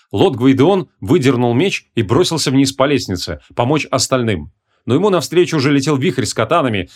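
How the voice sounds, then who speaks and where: A man narrating a humorous fantasy audiobook in an expressive, dramatic storytelling manner. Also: mid-range voice.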